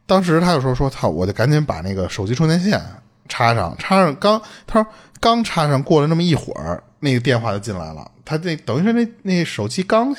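Moving at a quick clip, a podcast host recounts a listener's creepy story in casual storytelling chat. His fairly high, slightly husky voice swings widely up and down as he animatedly acts out quoted speech, swearing along the way.

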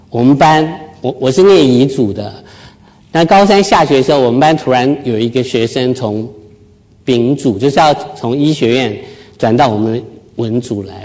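A man's voice: medium pitch, darkish tone. Self-mocking man telling a story to a crowd. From Taiwan. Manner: self-deprecating, humorous storytelling. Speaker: speaker giving a talk. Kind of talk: storytelling public talk. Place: lecture hall with live audience.

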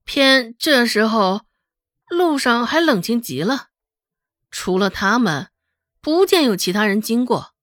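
A woman narrating a serialized novel in an expressive, dramatic storytelling manner. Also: fairly high pitch, slow, dry recording, clean studio sound. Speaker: audiobook narrator.

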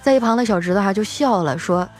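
A woman's voice: medium pitch, fast talker, a little mellow, faint music behind. A female host telling scripted comic stories in a playful way, chuckling between jokes.

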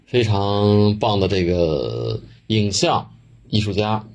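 A man's voice: fairly low pitch, big pitch swings, slow, gravelly, a little mellow, highs cut off. A man co-hosting a podcast, asking questions in casual, bantering conversation. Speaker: podcast co-host, interviewer. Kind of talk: casual interview chat. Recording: people chattering in the background.

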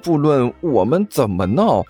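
A man voicing an excitable, stammering male low-rank demon servant who gushes about his idols. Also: a little slow, slightly rough, soft background music. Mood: eager. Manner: stammering, breathless and gushing.

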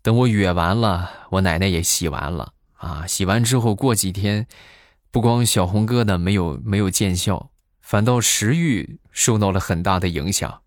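A man in his thirties telling comic stories in a chatty way, filling pauses with drawn-out fillers. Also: deep voice. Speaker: comedy vlogger. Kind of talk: comic storytelling monologue.

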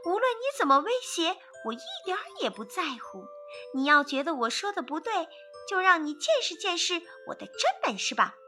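A woman voicing a cocky, defiant little male mosquito in a children's storybook, high, quick and taunting. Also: very animated, bright, forceful tone, faint music behind, heavily acted. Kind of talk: storybook narration.

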